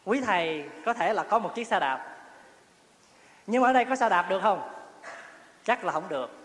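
A man's voice: high-pitched, fairly bright tone. A male Buddhist monk, giving a chatty, humorous dharma talk and often asking his listeners questions. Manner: chatty storytelling, laughs often, asks the audience questions. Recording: roomy hall with long reverb, faint ambience.

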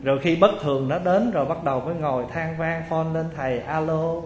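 A man's voice: a little high, fast, echoey room, a little hiss or hum. A male Buddhist monk gives a dharma talk, telling a story with animation and acting out the characters' voices. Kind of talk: storytelling sermon.

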